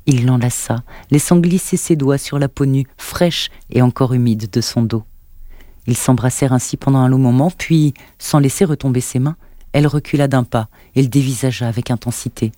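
A man narrating a romance novel, even and measured. His voice is mellow and warm, at a middle pitch. The recording is close and dry, with no room sound. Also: no echo. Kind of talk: scripted audiobook narration.

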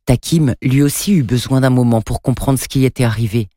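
A man narrating a storybook in a steady, even reading voice. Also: mid-range voice, a little fast, no room sound, clean studio sound. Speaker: narrator and radio presenter.

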